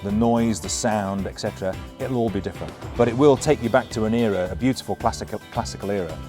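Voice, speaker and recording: Low-voiced male flight instructor, halting explanations. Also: warm tone, soft background music. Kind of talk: informal hands-on briefing.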